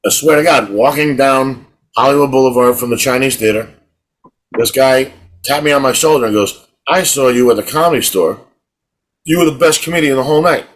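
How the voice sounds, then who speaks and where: In a rough recording, a middle-aged man co-hosting a podcast chats casually, telling meandering stories and restarting his words, often repeating them at the start. His voice is mid-range with a fairly bright tone.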